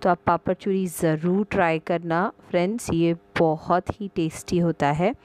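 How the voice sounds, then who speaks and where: Slow, low-voiced woman shopping vlogger. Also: poor audio. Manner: chatty, mixes Hindi and English, frequent "uh" fillers. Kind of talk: casual vlog narration.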